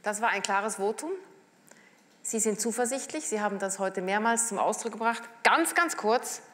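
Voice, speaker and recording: A woman in her forties with a Swiss German accent, moderating a panel in a brisk manner. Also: mid-range voice, fairly bright tone. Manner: brisk, wrapping up with laughs. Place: large hall stage. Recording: long hall reverb.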